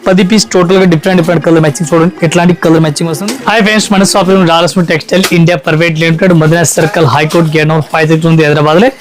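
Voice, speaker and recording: A man's voice: a little high, steady tone, very fast, hardly any pauses, poor audio. A man showing sarees in a shop, with a repetitive sales patter. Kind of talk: product showcase pitch.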